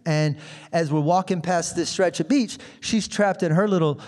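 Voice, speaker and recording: Male stand-up comic; animated storytelling on a handheld mic with long club reverb. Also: a little high, moderate pace. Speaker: stand-up comedian. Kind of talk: stand-up comedy. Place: comedy club stage.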